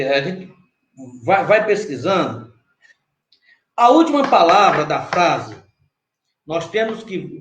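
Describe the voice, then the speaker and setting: Brazilian guy teaching a poetry workshop on a video call, highish voice, keeps asking the guest if he's right. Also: a little hiss or hum. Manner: patient, explains step by step, checks in with the guest. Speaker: cordel poet teaching a workshop. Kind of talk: online workshop lesson. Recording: roomy echo.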